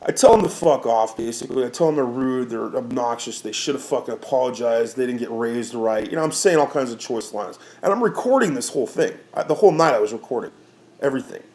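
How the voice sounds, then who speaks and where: A man's voice: medium pitch, animated, quick pace, darkish tone. A man working as a rideshare driver, telling a story in a profane, heated rant full of sighs and restarts. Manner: rambling with many restarts.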